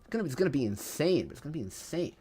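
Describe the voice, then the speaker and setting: Husky and mellow with big pitch swings, this fairly high male voice comes out rapid-fire during a casual livestream where he ranks game items. He keeps saying "bro" and "you know," repeats himself, and reads chat aloud before responding.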